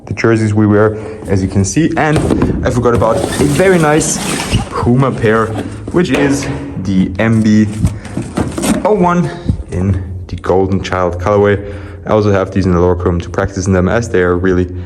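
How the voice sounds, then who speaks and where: A man casually presenting to viewers as a vlogger, recorded in a locker room with poor, loud sound. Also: fairly low pitch, normal speed, very noisy. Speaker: sneaker collection vlogger.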